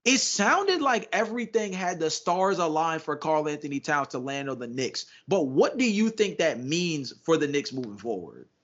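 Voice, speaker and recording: High-voiced man asking sports questions. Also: sing-song, moderate pace, hardly any pauses, fairly bright tone, highs cut off. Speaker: podcast co-host. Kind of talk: casual sports chat.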